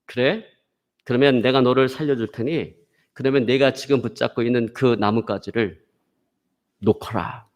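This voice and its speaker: A man pastor voicing God as a calm, gentle presence, speaking low, soft and slow. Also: close to an everyday voice. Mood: solemn.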